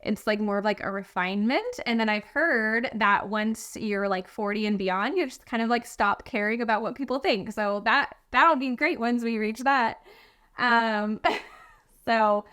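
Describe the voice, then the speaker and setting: A woman's voice: fairly high pitch, unhurried, a bit bright, clean tone. A woman in her thirties co-hosting a podcast, chatting casually with many fillers and easy laughs. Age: 30s. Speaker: podcast co-host.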